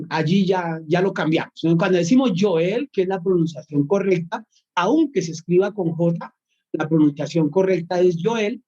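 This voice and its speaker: A man's voice: high voice, mellow, dull audio. A male Bible course professor giving a recorded lecture, thoughtful and full of hesitations and fillers.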